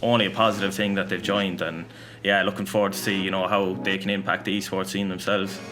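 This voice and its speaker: A young man with a west of Ireland accent talks in a somewhat low voice. He gives casual interview answers, peppered with "you know". Music plays clearly behind him. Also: level tone, a little fast, bright, forceful tone. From Galway, west of Ireland. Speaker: esports player, interviewee.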